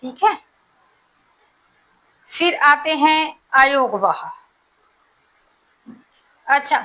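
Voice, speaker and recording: A woman's voice: sits high, bright, forceful tone, low-quality recording. A woman teaching a Hindi grammar lesson for exam preparation, repeating each definition and checking understanding with short prompts. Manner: explains slowly, repeats definitions, checks with "ठीक है".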